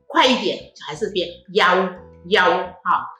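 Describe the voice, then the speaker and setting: A woman teaching a pronunciation lesson, patient and slow, drawing out sounds and repeating them, with a Taiwanese Mandarin accent. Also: fairly low pitch, expressive, sharp tone, roomy sound, faint music behind. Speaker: language teacher. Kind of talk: phonetics lesson.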